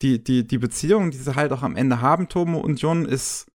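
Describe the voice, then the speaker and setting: A man's voice: medium pitch, a little fast. A man in casual podcast talk, hesitant and full of fillers and restarts as he reviews an anime series.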